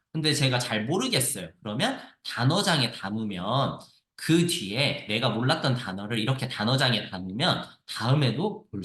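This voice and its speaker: A man teaching how to use a reading app, explaining with lively repetition as he clicks through a screen-share tutorial. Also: mid-range voice, reverberant. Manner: lively explanatory, repeats phrases.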